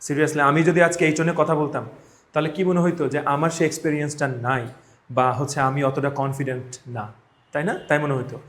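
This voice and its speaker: A man with a Bangladeshi accent delivers brisk live instruction as a spoken English teacher, drilling his class indoors. His voice is a little high with fairly even intonation. Emphatic and repetitive, he keeps checking that students follow, and the room echoes.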